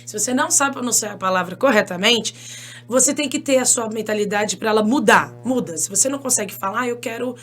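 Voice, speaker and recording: A woman with a Brazilian Portuguese accent, an English teacher telling stories as a podcast guest in an animated, chatty way. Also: fairly high pitch, fast talker, soft background music. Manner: animated, chatty, laughs often, addresses listeners as "gente". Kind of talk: casual interview storytelling.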